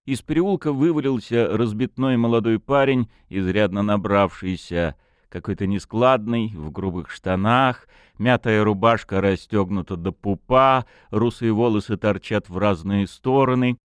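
A man narrating an audiobook in an expressive storytelling manner. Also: fairly low pitch, measured pace, clear, resonant tone, no room sound.

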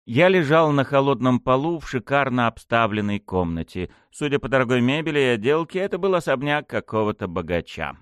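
A man reading a first-person audiobook aloud, telling it in a wry, expressive way. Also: no echo, clean studio sound. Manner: wry, expressive storytelling with wide pitch swings. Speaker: audiobook narrator.

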